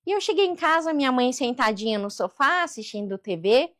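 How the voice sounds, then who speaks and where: A woman's voice: sits high, expressive, fairly quick, a bit bright. Earnest Brazilian woman telling her story. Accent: Brazilian Portuguese. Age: adult daughter of a seventy-year-old mother. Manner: earnest, faith-driven, often tags phrases with "né". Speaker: therapist and behavioral coach, interview guest. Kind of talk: emotional personal storytelling.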